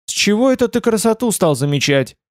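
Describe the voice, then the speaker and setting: A man voicing a sharp-tongued young female soldier who answers curtly and with sarcasm. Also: low-pitched, sing-song, normal speed, dry recording, clean studio sound. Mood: sarcastic. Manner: sarcastic, curt.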